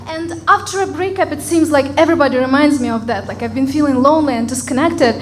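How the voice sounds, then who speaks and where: High-voiced deadpan woman with a Russian accent. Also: quick pace. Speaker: stand-up comedian. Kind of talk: stand-up set. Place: comedy club stage. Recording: loud crowd and room noise in a club. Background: audience laughter.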